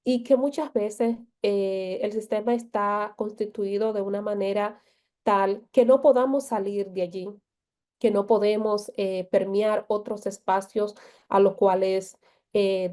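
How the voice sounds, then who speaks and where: A woman from the Republic, speaking as a guest in a reflective panel conversation, with frequent pauses and restarts. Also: mid-range voice, fairly even intonation, dark tone. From Dominican Republic. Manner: slow, thoughtful, frequent hesitations and restarts.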